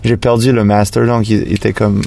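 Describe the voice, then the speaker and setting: A man, a native English speaker with a foreign accent in French, chatting in an interview and haltingly searching for words. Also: lowish voice, flat delivery, gravelly, darkish tone. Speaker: musician being interviewed. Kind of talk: casual interview chat.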